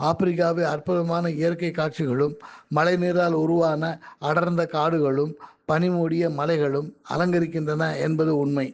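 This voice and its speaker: A man reading his own magazine articles aloud in a measured, careful way. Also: on the high side, creaky.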